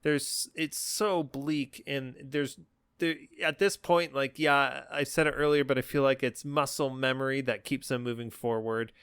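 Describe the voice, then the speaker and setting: A man's voice: medium pitch, fairly even intonation, unhurried, a bit bright, smooth, no echo, clean studio sound. A man co-hosting a podcast, talking casually and earnestly about a film he is enthusiastic about. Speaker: podcast co-host. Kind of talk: casual, reflective film discussion.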